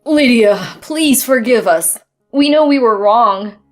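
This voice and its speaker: A woman's voice: on the high side, expressive, takes it slowly, faint music behind. A woman voicing a cornered cheating husband who stammers and begs. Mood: desperate. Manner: stammering, begging.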